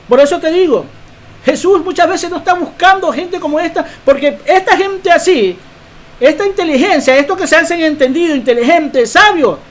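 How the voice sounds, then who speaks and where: A woman preacher giving a Bible teaching sermon, emphatic and quick to ask rhetorical questions. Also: high voice.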